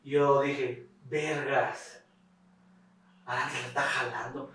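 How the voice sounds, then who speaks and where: A young man, telling a funny story in casual chat. He is animated and slangy, laughing as he goes. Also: medium pitch, slow. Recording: echoey room, mic far off.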